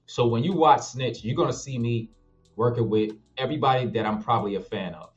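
A man's voice: mid-range voice, fairly quick, dull audio, soft background music. A man who acts and makes films, talking casually about his projects in a laid-back, slangy way. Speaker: actor and filmmaker guest. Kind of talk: casual interview chat.

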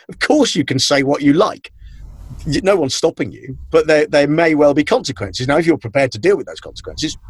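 A man who is a writer and comedian gives opinions in an interview clip, halting and restarting often. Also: fairly high pitch, breathy edge, dry recording, studio quality.

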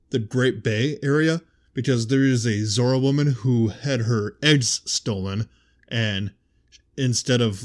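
Low-voiced man who says th as f. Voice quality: says th sounds as f. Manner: rambling, self-correcting, conversational. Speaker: host. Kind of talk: casual video game theory commentary.

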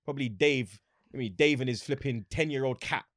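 A man speaks in a London roadman accent, thick with street slang. He tells anecdotes in a casual, animated way, acting out both sides of exchanges. His pitch is average and the sound is very dry. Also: a little fast, dry recording. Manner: animated storytelling, acts out quoted exchanges. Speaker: interview guest, football fan.

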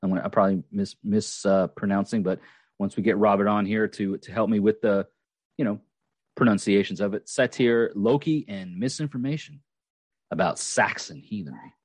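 A man's voice: fairly low pitch, normal speed, darkish tone, husky, no echo. A man hosting a casual podcast, rambling with many fillers and restarts. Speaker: podcast host.

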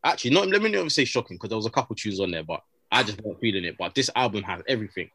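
A man's voice: lowish voice, very animated, racing, sharp tone, breathy edge, no echo. A man with a London roadman accent chatting casually as a podcast guest, slangy and full of repeated tag questions. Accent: London roadman (urban slang).

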